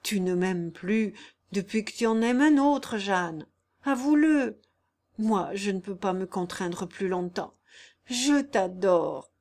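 A woman's voice: mid-range voice, animated, slow pace, a little mellow. A woman voicing a pale, feverish young baron who speaks in an impassioned, reproachful way in an audiobook. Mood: anguished. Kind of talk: audiobook character reading.

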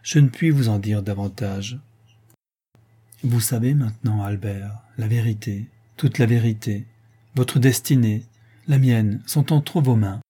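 A steadfast young bride-to-be from a storybook reading, gentle yet unbending in her vows, as a man reads her lines. The voice is mellow and a little husky, unhurried and solemn. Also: on the low side. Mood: firm, solemn. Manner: soft yet resolute, solemn. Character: young woman, gentle but firm fiancée.

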